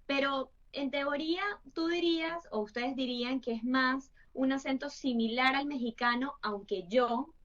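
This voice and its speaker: A woman's voice: high-pitched, measured pace, few pauses, a bit bright. A woman hosting an interview, thinking aloud reflectively and often adding tag questions. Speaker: host. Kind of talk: interview conversation. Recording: distant, dull lo-fi sound.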